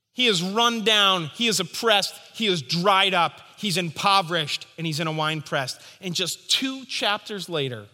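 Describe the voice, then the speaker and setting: A man's voice: sits high, pushed and bright, in a large hall. A man preaching a sermon, emphatic and rising and falling for stress. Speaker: pastor.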